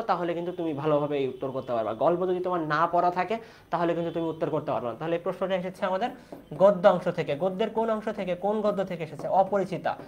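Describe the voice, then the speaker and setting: A man's voice: high voice, darkish tone. A young man from Bangladesh teaching an online exam-prep class in Bengali, asking questions and repeating the key answers.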